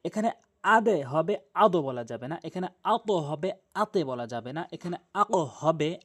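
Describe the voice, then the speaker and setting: A man from Bangladesh teaching Quran pronunciation, patiently repeating syllables slowly and drilling each sound. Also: a little high, lively intonation, fairly bright tone. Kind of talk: spoken tajweed lesson.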